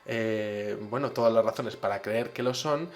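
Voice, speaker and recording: Friendly telepathic alien, male, calm reassuring explanations, voiced by a man narrating. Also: fairly low pitch, measured pace.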